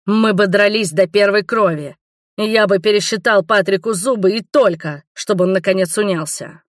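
A woman's voice: mid-range voice, moderate pace, no echo, clean studio sound, voice pushed up, natural voice. A woman voicing a menacing, growling male dragon king in an audiobook. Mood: exasperated. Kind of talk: audiobook character reading.

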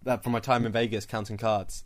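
A man co-hosting a casual chat, animated and jokey, laughing often. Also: fairly low pitch, fairly quick. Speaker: podcast co-host.

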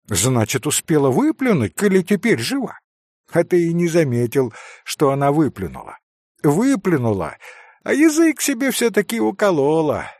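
Brief: man voicing a pushy schoolboy in a storybook, higher and gravelly, rushing his words. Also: no echo, clean studio sound, heavily acted. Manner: insistent, rushed and excited. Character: eager, bossy teenage schoolboy, talking fast.

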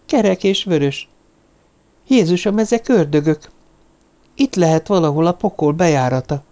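A man's voice: a little high, expressive, dark tone, voice pushed up, close to an everyday voice. A man voicing a terrified young woman in an audiobook, stammering and panicked. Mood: frightened.

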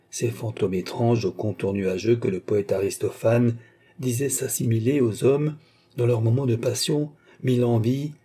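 A man reading a classic French novel aloud as an audiobook narrator, in a measured, declamatory manner. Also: mid-range voice, warm tone, slightly rough. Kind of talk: scripted literary narration.

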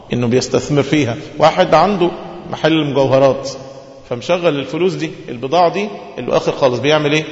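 Fast-talking Egyptian preacher in an echoey hall. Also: male voice, on the high side, darkish tone. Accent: Egyptian Arabic. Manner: asks the listeners questions and answers them himself. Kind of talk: religious lesson sermon. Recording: echoey hall, dull lo-fi sound.

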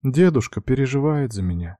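A man voicing a shy, playful young red-haired girl with a high girlish voice, timid and sweet. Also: lively intonation, a little fast, mellow, no room sound, lightly acted.

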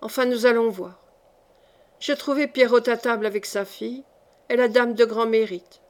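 A woman reading a classic novel aloud as an audiobook narrator, in a measured storytelling manner. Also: on the high side, darkish tone. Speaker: audiobook reader.

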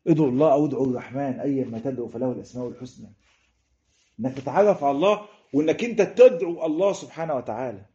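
A man with an Egyptian Arabic accent preaches a sermon with fervor, his medium-pitched, dark voice racing as he builds into emphatic repetitions. The recording sounds roomy, dull and lo-fi.

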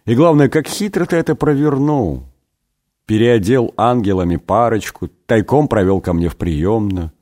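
A man voicing Jesus as a stern, measured figure scolding a disciple. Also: on the low side, animated, darkish tone, natural voice. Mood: reproachful. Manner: measured, reproachful.

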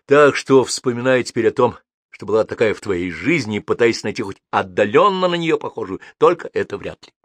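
A man voicing a seasoned police colonel who speaks calmly and firmly with a dry irony. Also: lowish voice, fairly quick, no echo, lightly acted. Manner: calm, firm, dryly ironic. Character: seasoned police colonel, calm, dryly ironic.

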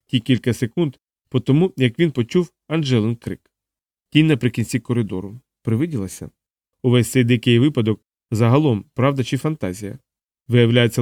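A man narrating an audiobook in an even, measured storytelling voice. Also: medium pitch, no echo, studio quality.

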